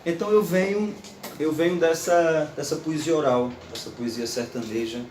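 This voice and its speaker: A man's voice: on the high side, moderate pace, echoey room, recorded from a distance, slight background noise. A man giving an informal, playful lecture to an audience. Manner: animated, playful, recites verse aloud.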